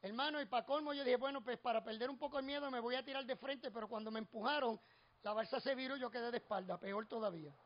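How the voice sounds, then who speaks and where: A middle-aged man with a Puerto Rican accent preaches with a strikingly high voice. He tells homely stories and climbs into fervent, repeated refrains. The recording sounds dull and lo-fi. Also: fast. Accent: Puerto Rican Spanish. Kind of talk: expository sermon with personal stories.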